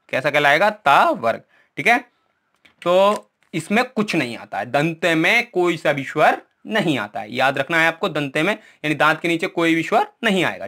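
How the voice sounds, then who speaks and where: A man's voice: high voice, bright, forceful tone. A man teaching Hindi grammar for exams, who asks questions and answers them himself and keeps checking in with the class. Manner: points at a board, with memory tricks. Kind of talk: exam-prep lesson.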